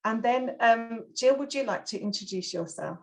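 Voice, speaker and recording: A woman hosting an informal panel, introducing speakers in halting, hesitant phrases. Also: a little high, animated, vocal fry, low-quality recording. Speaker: panel host.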